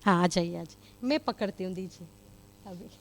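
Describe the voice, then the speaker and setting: A woman's voice: lowish voice, normal speed. A woman spiritual speaker giving a conversational talk to a live audience, with many fillers. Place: meditation hall with live audience.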